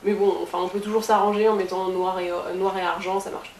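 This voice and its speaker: A woman's voice: mid-range voice, little pitch movement, fast, darkish tone. A woman giving a casual makeup tutorial as a beauty blogger, chatty, with playful asides to her viewers. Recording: roomy with faint hiss.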